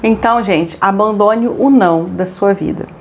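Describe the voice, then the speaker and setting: A woman co-hosting a family advice talk, lively, acting out examples of what parents say. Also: mid-range voice, normal speed, slight background noise. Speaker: co-host giving family advice. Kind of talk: casual talk to viewers.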